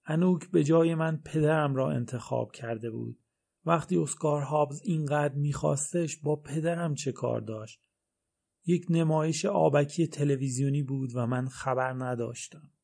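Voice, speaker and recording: A man's voice: a little high, creaky, darkish tone. A man narrating a novel in the first person as an audiobook, in a wry, dry storytelling manner.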